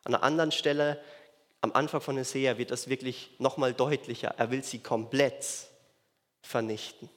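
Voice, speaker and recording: A man's voice: medium pitch, steady tone, brisk, fairly bright tone. A man preaching a sermon in an earnest way, repeating key phrases for emphasis. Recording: long reverb of a large hall.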